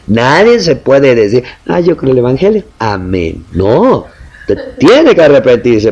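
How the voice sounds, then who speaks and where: A man's voice: mid-range voice, a little mellow, dull audio. A man preaching a sermon in Spanish, impassioned, building emphatic lists and calling his listeners brother.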